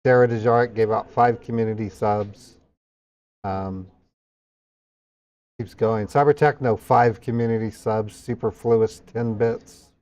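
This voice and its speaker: A man's voice: fairly low pitch, fairly even intonation, unhurried, long pauses, a little mellow, muffled recording. A man hosting a livestream in subathon hype style, reading out donations and thanking viewers, with casual exclamations of appreciation between names and numbers. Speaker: livestream host.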